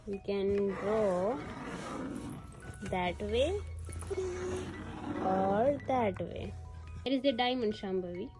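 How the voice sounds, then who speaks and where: A woman's voice: mid-range voice, slow, pauses often, over music. A woman talking to a toddler in simple, encouraging words as if reading to one, teaching shapes and colors as a mother at play.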